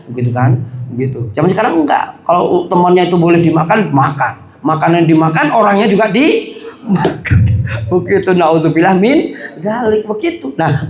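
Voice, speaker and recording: Lively preacher man, echoey room. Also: high-pitched, a little hiss or hum. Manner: lively, chatty, asks and answers himself. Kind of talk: religious lecture with humor.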